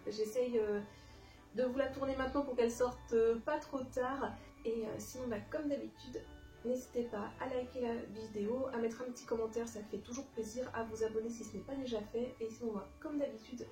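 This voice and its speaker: A woman's voice: on the high side, dark tone, roomy sound, recorded from a distance, rough recording. A woman chatting through a casual haul vlog, hesitant with many fillers and restarts, talking straight to her viewers. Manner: chatty, addresses viewers directly. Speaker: YouTube haul vlogger. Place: room at home, dim light.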